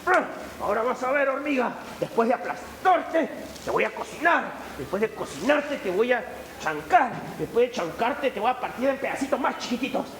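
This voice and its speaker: A greedy, angry hunter gloats and threatens in a menacing tone, his pitch rising and falling, as a man acts him out in a storytelling show. The sound is roomy, with faint background ambience. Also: sing-song, moderate pace, a bit bright, a little hiss or hum, heavily acted.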